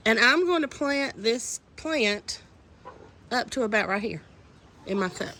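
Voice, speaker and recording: Fairly high, animated and forceful yet unhurried and bright, this woman's voice is congested from a cold. As a homesteading vlogger, she chats through repotting seedlings outside in the wind in a homey, instructive way, over faint wind noise.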